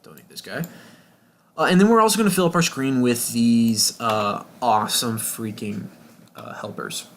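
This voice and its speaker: A man's voice: medium pitch, normal speed, a little hiss or hum. Young man rambling over gameplay. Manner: rambling, chatty, with sudden excited outbursts and whispers. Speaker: gaming YouTuber. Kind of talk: casual gameplay commentary.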